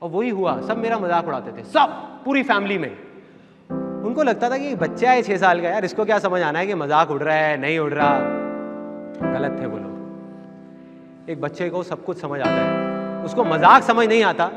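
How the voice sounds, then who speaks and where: A man giving a motivational seminar talk, animated storytelling that acts out family members' voices, before a live audience. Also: high-pitched, moderate pace. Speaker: motivational speaker. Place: large hall with a live audience. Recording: echoey hall with background music.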